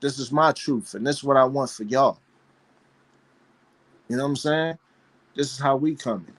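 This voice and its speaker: Speaking at normal speed in a mid-range voice, a man who hosts a live panel show as a dog breeder launches into a casual, impassioned monologue. He sounds preachy and fervent, repeating phrases and asking rhetorical questions.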